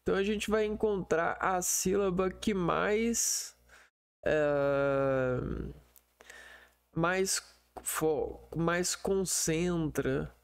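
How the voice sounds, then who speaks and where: A man teaching an online lesson over a shared screen, in a slow, hesitant way full of fillers. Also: sits high, creaky, clear, resonant tone, dry recording, studio quality.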